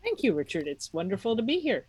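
A woman's voice: mid-range voice, huge pitch swings, fast talker, darkish tone, husky. A woman, a guest on a podcast, talking in a chatty, self-mocking way and laughing often. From Czech Republic. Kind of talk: casual interview talk.

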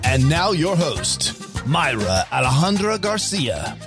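A man reading a scripted show intro in a lively announcer delivery. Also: on the high side, slow, creaky. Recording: voice over drum music. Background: drum music.

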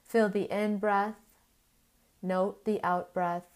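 In the calming style of a bedtime story reader, a woman talks listeners through yoga nidra with brief, deliberate phrases and lengthy silences. She has a mid-range voice and keeps her tone level.

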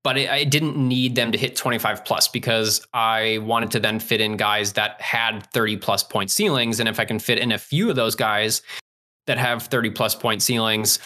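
A man with a bright, forceful voice holds forth like a podcast analyst, reasoning out loud as he goes. His delivery is casual and conversational, full of little asides and self-corrections rather than polished script. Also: on the low side, fairly even intonation, moderate pace. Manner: thinking aloud, conversational with frequent asides. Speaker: fantasy sports analyst.

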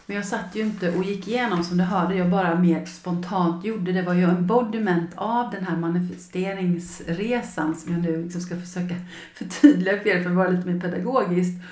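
A woman's voice: on the low side, a little mellow, reverberant. A woman hosting a personal podcast as a coach, speaking emotionally and acting out her past feelings as she tells a story.

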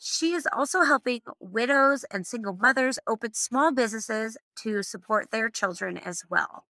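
Female podcast host, upbeat, crisp forward brightness, slightly high pitch, dry recording. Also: normal speed, no echo. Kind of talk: upbeat podcast introduction and interviewing.

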